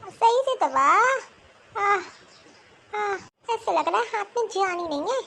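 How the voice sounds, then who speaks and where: A woman voicing a nagging, scolding old mother-in-law in an animated cartoon. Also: extremely high pitch, takes it slowly, gravelly, slight background noise, full character voice. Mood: bossy.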